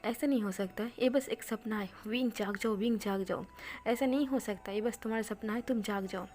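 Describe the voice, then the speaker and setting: A woman voicing a flustered young man who is quick to tease in a storybook reading. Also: mid-range voice, a little mellow, close to an everyday voice. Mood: panicked. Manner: exasperated, teasing.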